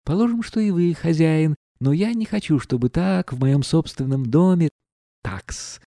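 A man's voice: a little high, drawn-out words, fairly bright tone, no echo, studio quality, pitched above the performer's own voice, exaggerated voice. A man reading aloud, voicing a drunk, insolent landlord who is fawning yet indignant. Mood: drunken indignation. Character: tipsy, insolent middle-aged landlord.

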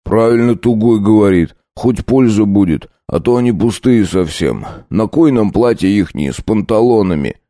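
A man voicing a coarse male bandit with a gruff, grumbling manner. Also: on the low side, animated, normal speed, hardly any pauses, mellow, no echo, clean studio sound, natural voice.

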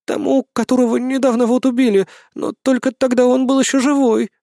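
A man reading an audiobook, voicing a frightened elderly mother who speaks timidly and softly. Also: extremely high pitch, flat delivery, brisk, creaky, no room sound, clean studio sound, voice pushed up. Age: older. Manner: timid, soft-spoken.

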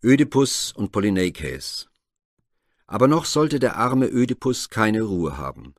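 A man narrating a classic Greek myth as a scripted audiobook reading, measured and formal. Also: fairly low pitch, big pitch swings, dry recording, clean studio sound.

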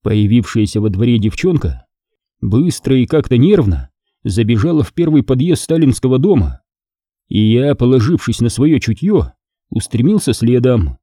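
Expressive man reading a detective story. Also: mid-range voice, normal speed, no echo, studio quality. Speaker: audiobook reader. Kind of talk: first-person detective narration.

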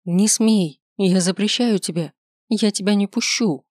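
A reader voicing a clingy young female harpy who pleads in shrill, hysterical bursts. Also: unhurried, darkish tone, no echo, clean studio sound, lightly acted. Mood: pleading.

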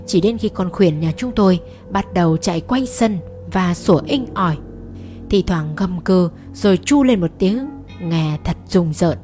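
Woman narrating a horror story. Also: on the low side. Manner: measured, suspenseful storytelling. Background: soft music.

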